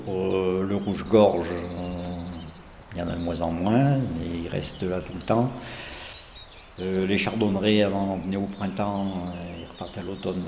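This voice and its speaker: A man listing things slowly and hesitantly, as a rural resident chatting. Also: sits low, gravelly, warm tone, reverberant, big-room sound, a little hiss or hum. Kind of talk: casual chat.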